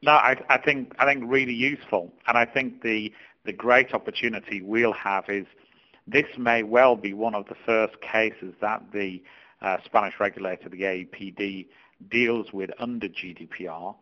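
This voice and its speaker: A man co-hosting a legal podcast, speaking in a measured way with halting fillers. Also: on the low side, fairly even intonation. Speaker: podcast co-host. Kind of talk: casual legal podcast chat. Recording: dull lo-fi remote line.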